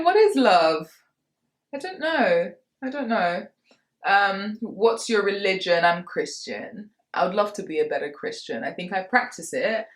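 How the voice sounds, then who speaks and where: A woman in her late twenties from Nigeria, chatting casually through a Q&A for her vlog and laughing between answers. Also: medium pitch. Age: 20s. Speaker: vlogger. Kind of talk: casual Q&A chat to camera. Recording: roomy echo.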